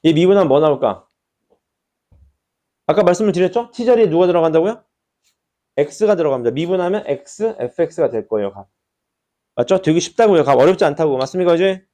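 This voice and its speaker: High-pitched man teaching math, mellow tone. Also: lively intonation, fairly quick, long pauses. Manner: checks in with frequent rhetorical questions; repeats key words for emphasis. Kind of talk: classroom math lecture. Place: classroom at a whiteboard.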